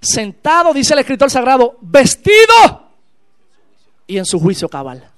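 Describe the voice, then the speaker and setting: Male preacher, strikingly high pitch, passionate delivery that rises to shouts. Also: big pitch swings, fairly quick, clear, resonant tone. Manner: impassioned, builds to shouted exclamations. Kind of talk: sermon. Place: church.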